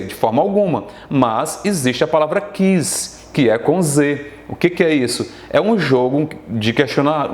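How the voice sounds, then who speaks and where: Roomy-sounding Brazilian male teacher. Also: medium pitch. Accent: Brazilian Portuguese. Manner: explanatory, asks frequent check-ins to students. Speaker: Portuguese language teacher. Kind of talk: televised classroom lesson. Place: studio classroom.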